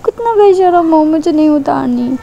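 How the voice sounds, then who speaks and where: A wailing young girl, put on by a woman storyteller, her voice pushed up high and thin over a soft, mellow tone. She whines and pleads, stubborn to the end. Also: animated, moderate pace, gravelly, highs cut off, slight background noise. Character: crying girl, whiny and stubborn.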